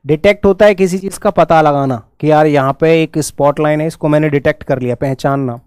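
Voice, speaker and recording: An English teacher with a Hindi accent leads a fast-paced exam-prep lesson, pushing his students to respond quickly. His high, smooth, clear voice carries a darkish tone. The recording is close and dry, with no room sound at all.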